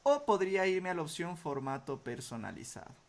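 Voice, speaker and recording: A man teaching a software tutorial, explaining each step patiently and often checking in with short questions before answering his own. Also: a little high, very animated, a little fast, vocal fry. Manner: asks rhetorical questions then answers them. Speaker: computer skills instructor. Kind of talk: screen-recorded software tutorial.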